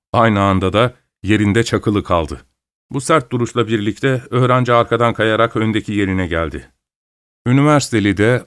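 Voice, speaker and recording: A man narrates a story in a steady, measured reading voice. His voice sits low, and the recording is dry and close with no room sound. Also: clean tone, no echo. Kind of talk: scripted narration.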